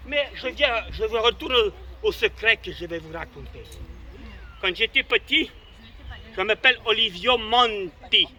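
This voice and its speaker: A man telling a comic story on stage in an animated, theatrical way, breaking into loud exclamations. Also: sits high, measured pace.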